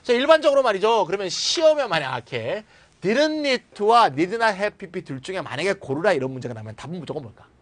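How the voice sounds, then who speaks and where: Grammar lecturer, middle-aged man, high voice, very animated, keeps checking students understand. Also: brisk. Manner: lively, switches between formal and casual speech, often asks students to confirm. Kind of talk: recorded classroom lecture.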